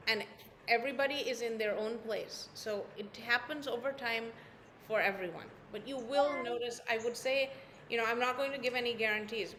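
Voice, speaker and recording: A woman yoga teacher leading a workshop, telling a story in a gentle way and going soft and quiet when she repeats calming phrases. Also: fairly high pitch, slight background noise. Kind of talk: workshop talk with guided repetition. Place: workshop room.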